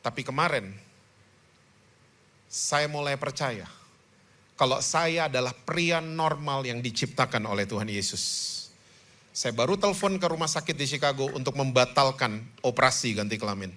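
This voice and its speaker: A man voicing a soft-spoken grown man who confides in a pastor, quietly and earnestly, with small halts. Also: medium pitch, normal speed, close to an everyday voice.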